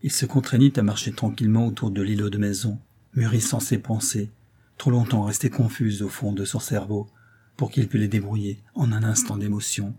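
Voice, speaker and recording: A man narrating a novel as an audiobook reader, in a calm, measured delivery. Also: fairly low pitch, slightly rough.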